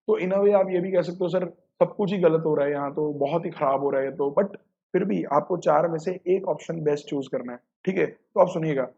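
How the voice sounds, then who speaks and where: A man's voice: on the high side, gravelly, a little mellow, slight background noise. A man tutoring accounting exam students, explaining multiple-choice answers step by step, mixing English terms in and calling his students brother. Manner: addresses students casually, calling them brother. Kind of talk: exam-prep lecture walking through multiple-choice questions. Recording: dull lo-fi recording.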